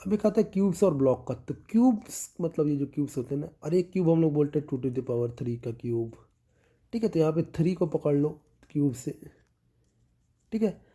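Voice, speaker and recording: This tutor for medical exams is a man who uses mnemonics to explain milestones and pauses to check understanding after each one. His voice is fairly high, expressive and mellow, and he drops it and slows his pace whenever a key term needs emphasis.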